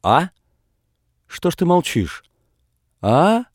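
A man's voice: mid-range voice, big pitch swings, a little slow, mellow, no echo, clean studio sound. A man reading aloud, voicing a stern father who scolds and mocks his son in a storybook reading. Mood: scolding. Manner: sternly scolding, mocking repetition.

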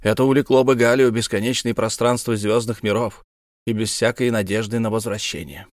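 A man voicing an earnest young male navy lieutenant who asks measured, probing questions in an audiobook. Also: on the low side, steady tone, dry recording, studio quality, natural voice.

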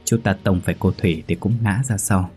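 A man narrating a horror story in a steady, even storytelling manner. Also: low voice, brisk, soft background music.

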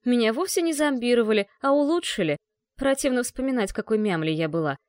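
A woman's voice: fairly high pitch, animated, fairly quick, darkish tone, no echo, pitched above the performer's own voice, lightly acted. A woman voicing a cold, dismissive woman who has been turned into a bio-robot. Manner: dry, dismissive.

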